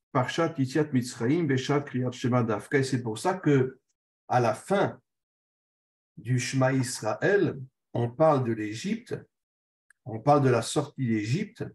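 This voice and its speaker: A man's voice: mid-range voice, darkish tone. Male rabbi teaching, reads a passage then unpacks it, earnest and repetitive for emphasis. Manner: reads short passages aloud, then explains them in plain terms; earnest, repeats key phrases for emphasis. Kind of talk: religious text lesson.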